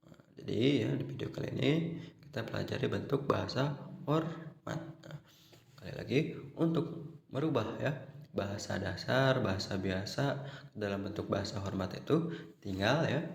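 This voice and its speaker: A man's voice: lowish voice, gravelly, echoey room. A man explaining grammar patiently, step by step, as a language teacher, with a constant "ya" and "nah". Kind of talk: explanatory online lesson.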